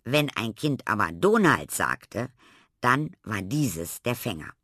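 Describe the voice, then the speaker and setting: A man narrating a children's storybook in a lively, expressive way. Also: fairly low pitch, slow pace, dry recording, studio quality.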